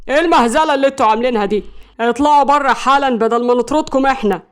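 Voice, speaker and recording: A gruff, commanding security guard with an Egyptian accent, played by a woman narrator. He barks loudly and fast. An angry storybook guard. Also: high voice, lightly acted.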